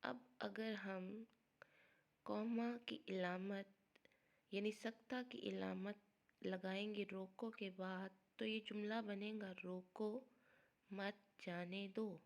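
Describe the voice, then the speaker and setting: A woman's voice: medium pitch, little pitch movement, creaky. A woman teaching a primary school grammar lesson, patiently explaining and repeating things for children.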